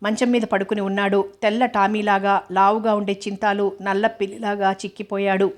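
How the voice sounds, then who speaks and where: Woman narrator for an audiobook novel: flat, level delivery, even pacing, unhurried storytelling. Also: mid-range voice. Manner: steady, even storytelling read.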